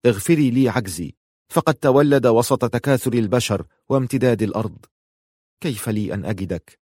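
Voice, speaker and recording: A man narrating an audiobook in a measured, literary reading style. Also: on the low side, darkish tone, dry recording, clean studio sound.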